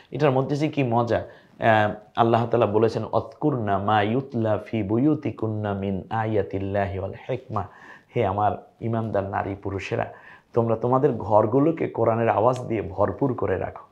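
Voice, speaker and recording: A man's voice: medium pitch, lo-fi sound. A man teaching viewers to read Arabic letters, coaxing them to repeat each letter name after him. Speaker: Quran teacher.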